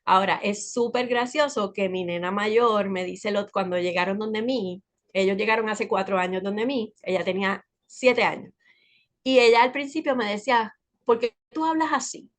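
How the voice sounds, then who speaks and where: A woman from Puerto Rico, speaking with a Puerto Rican accent in a mid-range voice at a moderate pace. She's a guest telling a personal story in a relaxed, conversational chat, often tossing in tag questions.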